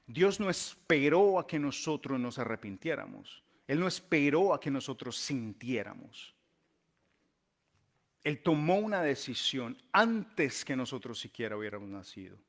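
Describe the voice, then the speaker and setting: A man's voice: medium pitch, sing-song. Emphatic man preaching a sermon. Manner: emphatic storytelling, slowing down on key words. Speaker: pastor.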